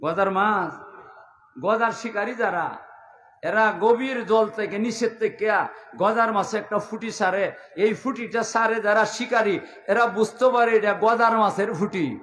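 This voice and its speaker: An impassioned male preacher with a Habiganj Bengali accent whose very high, bright voice chants the story in repeated phrases. It rings through an echoey hall over the loudspeakers. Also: a little slow. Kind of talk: sung storytelling sermon.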